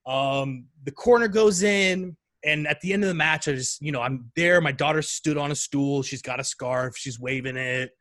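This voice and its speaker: Chatting on a podcast, this guest, a man in his thirties, spins an animated story at normal speed with few pauses. When quoting people, he performs their lines in a higher voice.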